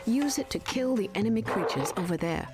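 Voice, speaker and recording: A woman acting as a calm game tutorial guide, narrating in a measured, instructive nature documentary manner. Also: on the high side, music in the background, lightly acted.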